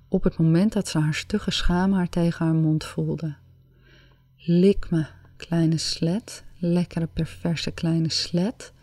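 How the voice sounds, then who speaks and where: A woman narrating an erotic story in a slow, sensual, drawn-out reading. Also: lowish voice, mellow, no echo.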